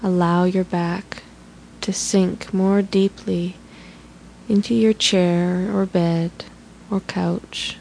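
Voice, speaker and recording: A woman leads a guided relaxation in a soothing, instructional manner. Her voice sits a little low and moves at a very unhurried pace. A faint hiss lies under the recording. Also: little pitch movement, vocal fry, warm tone, poor audio.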